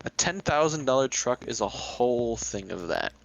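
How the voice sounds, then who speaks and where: A young man co-hosting a podcast in casual chat, rambling and halting with lots of fillers and restarts. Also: medium pitch, lively intonation, gravelly, muffled recording. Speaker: podcast co-host.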